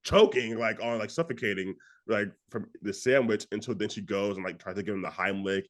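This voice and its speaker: A young man, low-voiced and casual, co-hosts a podcast about films. He rambles through his points, stacking "like" and restarting sentences as he goes. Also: a little fast. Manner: rambling, heavy use of "like", animated retelling. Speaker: podcast co-host. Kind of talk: casual film discussion.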